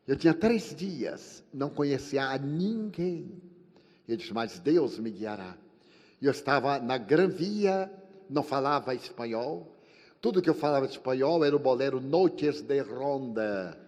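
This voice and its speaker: An older Brazilian man lectures to a congress audience and tells his story dramatically, jumping between loud bursts and hushed near-whispers as he voices each person. His mid-range voice rings with a long reverb in a large hall. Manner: animated storyteller, acting out dialogue with shifting pitch and volume. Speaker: spiritist speaker.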